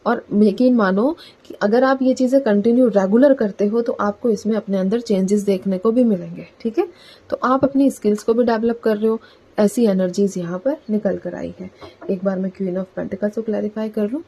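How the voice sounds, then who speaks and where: A tarot reader talks her viewers through a collective reading in a loose, chatty style, often tagging sentences with "theek hai." Her mellow, warm, husky voice sits in a middle range and moves fairly quickly, on a rough recording.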